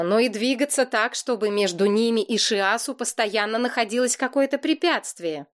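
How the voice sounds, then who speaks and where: A woman narrating a fantasy novel in a steady, lively storytelling voice. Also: a little high. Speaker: audiobook narrator.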